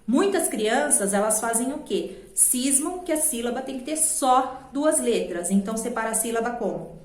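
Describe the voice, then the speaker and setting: A woman with a Brazilian Portuguese accent teaching a children's grammar lesson, patiently slowing down to spell out letters and syllables. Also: a little high, animated. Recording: echoey room.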